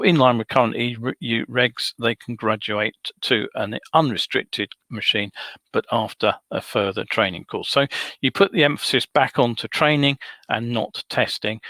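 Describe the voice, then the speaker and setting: A man hosting a live motorcycle safety webcast, talking in a measured, advisory way with frequent ums and uhs. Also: on the low side, pushed and bright, no room sound. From United Kingdom. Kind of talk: solo live webcast talk.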